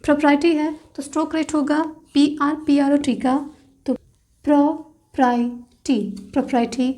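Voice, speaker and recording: High-voiced woman teaching shorthand. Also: a little mellow. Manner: slow, deliberate spelling out of example words. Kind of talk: explaining lesson.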